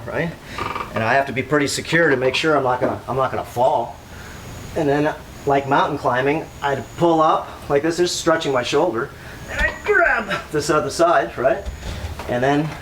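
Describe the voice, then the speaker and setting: A man giving a casual, rambling exercise demonstration, instructing as he goes and repeating himself. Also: on the high side. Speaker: workout host. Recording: clearly noisy ambient background.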